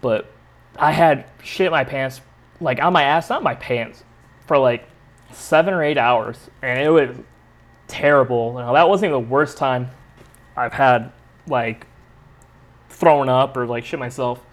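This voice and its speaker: A man's voice: medium pitch, unhurried, long pauses. A young man hosting his own podcast, telling a rambling, profane, self-mocking story in casual chat. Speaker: podcast host. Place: San Diego area.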